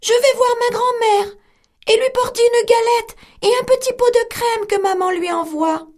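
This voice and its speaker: A woman's voice: extremely high pitch, moderate pace, darkish tone, voice pushed up. A woman voicing an innocent, trusting little girl in a fairy tale. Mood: eager. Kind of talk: storybook reading.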